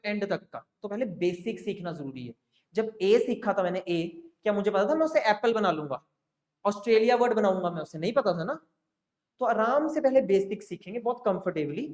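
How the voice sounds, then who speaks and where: An animated man with a high-pitched, slightly mellow voice lectures on basic accounting at a fairly quick pace. He coaxes his students and checks in on them often. The room echoes noticeably.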